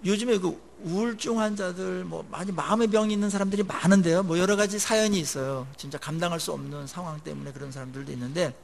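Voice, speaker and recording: A male pastor preaching a sermon in a conversational way, asking the congregation questions and letting his phrase endings drop low after emphatic peaks. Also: fast talker, gravelly, hardly any pauses.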